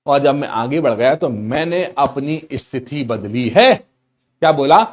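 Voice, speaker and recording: A man's voice: medium pitch, a little slow. A middle-aged man teaching a physics class online, playful and repeating each key point to his students.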